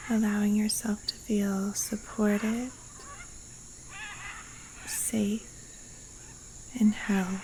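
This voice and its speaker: The poor audio captures a woman outdoors in the Costa Rican jungle as she guides a yoga nidra meditation. Her mid-range voice barely shifts in pitch, staying hushed, breathy and soothing, with long pauses throughout. Rainforest wildlife, insects and crickets sound faintly behind her.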